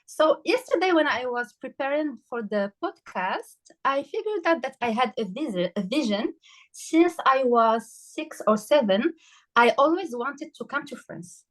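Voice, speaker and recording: A woman from Morocco, a health coach and podcast guest, talking through her story with many pauses, fillers and restarts, and some emotion. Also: high voice, lively intonation, a bit bright, rough recording. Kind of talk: casual interview conversation.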